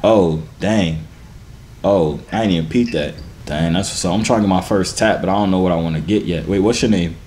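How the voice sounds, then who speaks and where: A man in his early twenties with an American accent and a deep, booming voice, chatting in a laid-back, slangy, teasing way. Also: brisk, darkish tone, slight background noise. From New York, United States. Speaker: vlogger hosting a random video-chat prank. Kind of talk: casual flirtatious chat. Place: garage-like home gym, indoors.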